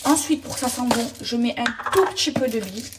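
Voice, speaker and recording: A woman with a fairly high voice speaks a little fast as she vlogs to her followers during housework. Chatty and emphatic, she uses slang and calls her viewers girls. The distant mic yields a noisy background full of cleaning clatter.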